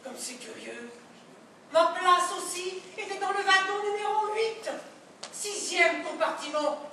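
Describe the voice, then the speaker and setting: A prim, overly courteous wife, played by a woman in a live absurdist play, speaking in measured, ceremonious tones. Her voice is very high and bright and moves slowly. It is heard from far off on a reverberant stage. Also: a little hiss or hum, exaggerated voice. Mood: prim politeness. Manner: formal, measured, ceremonious politeness. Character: prim, overly polite middle-class wife. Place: theatre stage. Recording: echoey stage sound from a distant mic.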